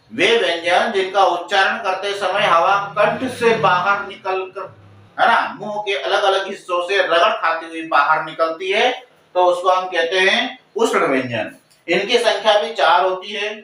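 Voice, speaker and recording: Male teacher, high voice, patient repeat-it-twice delivery, heavy room echo. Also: sharp tone. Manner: repetitive, addresses viewers as friends. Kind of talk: explaining lesson. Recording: echoey room, mic at a distance.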